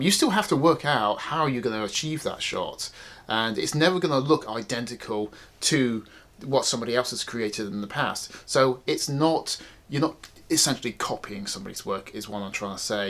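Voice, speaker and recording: A man's voice: medium pitch, normal speed, a bit bright. A man, a wedding photographer, giving casual, emphatic advice to viewers in a chatty vlog. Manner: chatty, emphatic, repeats phrases.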